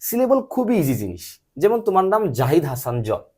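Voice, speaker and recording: Male teacher, singsong delivery, patient and quizzing, spells letters slowly. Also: fairly high pitch, huge pitch swings, a little mellow, slightly rough. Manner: asks frequent check questions and spells letters out slowly. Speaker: English teacher. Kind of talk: patient spoken lesson, quizzing a student.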